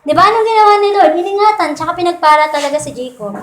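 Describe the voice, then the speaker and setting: A woman's voice: extremely high pitch, animated, very fast, a bit bright, a little hiss or hum. A woman preaching a Sunday sermon in a conversational way, often asking her listeners to agree and mixing English phrases into her talk. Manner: mixes English phrases into Tagalog. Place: church. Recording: echoey church hall.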